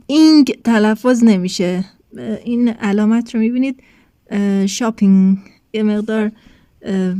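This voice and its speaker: A woman English teacher talks students through a textbook lesson, pausing often on filler sounds as she switches languages. Her voice is soft and mellow. The sound is close and dry, with no room around it. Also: mid-range voice, no echo.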